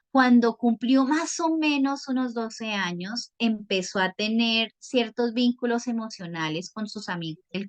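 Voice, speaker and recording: A woman's voice: medium pitch, fairly bright tone. A woman psychologist giving an online workshop, explaining patiently and asking her audience questions. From Colombia.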